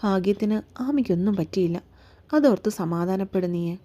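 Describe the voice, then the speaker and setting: A woman's voice: mid-range voice, expressive, a little fast, warm tone, close to an everyday voice. Woman reading as a teasing young husband. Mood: soothing.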